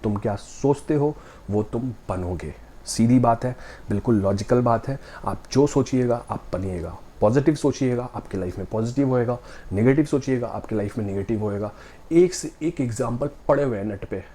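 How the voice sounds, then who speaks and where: In a motivational talk, a man with a medium-pitched, dark-toned voice speaks directly and conversationally to the viewer, posing rhetorical questions.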